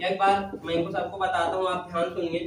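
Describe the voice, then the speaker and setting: A man's voice: high voice, little pitch movement, brisk, noisy background. A male maths teacher recapping a lesson, asking questions and answering them himself in a call-and-response drill. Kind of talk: classroom recap lecture. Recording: very echoey room, voice from a distance.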